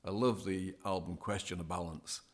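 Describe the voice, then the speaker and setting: A man speaking as a podcast guest, giving deliberate, emphatic advice as a DJ coach. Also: sits low, fairly even intonation. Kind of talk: measured, scripted-sounding advice.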